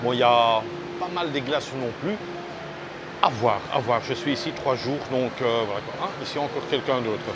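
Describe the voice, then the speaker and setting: Man, travel vlog, casual and rambling, fillers and restarts, mid-pitched voice, street noise behind. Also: moderate pace. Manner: chatty and direct, addressing viewers. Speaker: travel vlogger. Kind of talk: casual walking vlog talk. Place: outdoors on a busy seaside street.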